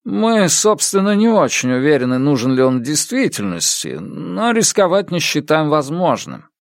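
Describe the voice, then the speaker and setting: Male narrator playing a cautious, evasive scientist, a bit higher, animated. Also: moderate pace, no room sound, studio quality. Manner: cautious, hesitant, slightly raised voice.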